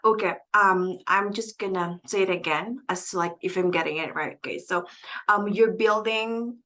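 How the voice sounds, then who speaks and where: A woman hosts a casual interview over a video call, with a bright, crisp tone. She prompts her guest warmly and pauses often on "um." Her pitch sits in the middle of the range. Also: slight background noise. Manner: warm encouraging prompts, hesitant fillers. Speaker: host.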